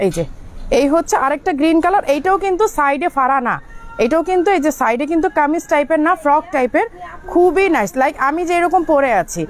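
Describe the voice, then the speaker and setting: A woman hosting a live clothing sale from inside a shop. She talks in a chatty, repetitive way and stops now and then to direct staff. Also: sits high. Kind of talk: live product showcase. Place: indoors in a clothing shop outlet.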